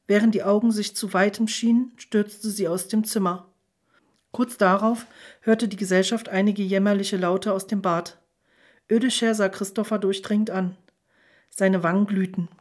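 A woman reads a novel aloud as an audiobook. Her voice sits at an ordinary height and she keeps a steady, even pace of narration. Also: medium pitch. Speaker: audiobook reader. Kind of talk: scripted narration.

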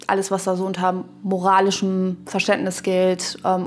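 A woman co-hosts a casual, reflective podcast conversation, thinking aloud haltingly and using academic terms. Her voice sits at a middle pitch and stays within a fairly narrow range.

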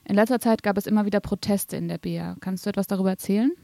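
A woman interviewer asking direct, brisk questions. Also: mid-range voice, fairly even intonation, gravelly, mellow, dry recording, studio quality.

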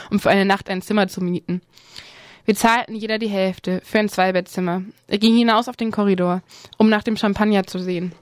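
Woman, literary reading, even middle pitch, measured phrasing, dry studio sound. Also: no room sound. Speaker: reader of a novel excerpt.

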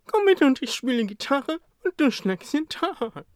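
A storyteller voicing an old female work horse in a raised, drawn-out, cheerful voice. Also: high-pitched, big pitch swings, no room sound, voice pushed up. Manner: slow, drawn-out, upbeat coaxing. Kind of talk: storybook reading.

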